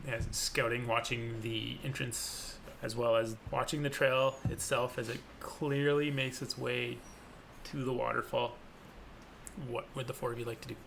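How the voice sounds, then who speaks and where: A man with a gravelly, creaky voice narrates as game master of a tabletop game. He describes scenes in a relaxed way, with small hesitations. There is light noise in the background. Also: medium pitch, measured pace.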